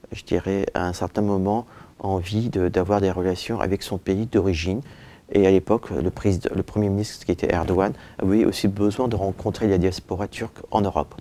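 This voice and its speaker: A man's voice: low voice, creaky, warm tone. A man in his forties, born in Turkey and raised in France, answering interview questions in an office, hesitating with fillers, then pressing his points. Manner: frequent "euh" and "je dirais" fillers, hesitant then emphatic. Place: indoor office with bookshelves. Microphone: lapel mic.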